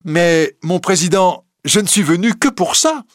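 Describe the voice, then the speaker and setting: A man voicing a bold, cheeky young male reporter who speaks up loudly and insistently in court. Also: sits high, expressive, a little slow, no room sound, clean studio sound, pitched above the performer's own voice. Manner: brash, insistent, loud.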